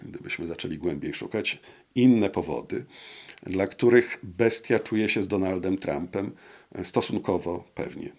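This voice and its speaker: A man in his sixties with a deep, gravelly voice gives a long, careful account as an interview guest. He hesitates a lot, filling gaps with drawn-out sounds. The sound is close and clean from a lapel mic in a studio room. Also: a little mellow. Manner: hesitant, many drawn-out "e" fillers. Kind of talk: measured historical explanation. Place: wood-panelled studio room with brick wall.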